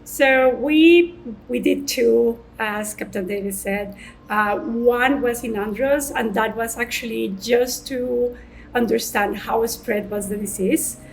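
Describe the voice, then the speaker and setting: A woman explains her research in an unhurried interview style, often restarting her phrases. Her voice sits a little high and has a gravelly edge, with faint noise behind it. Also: low-quality recording. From Colombia. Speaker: senior marine scientist. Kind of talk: conversational interview answers.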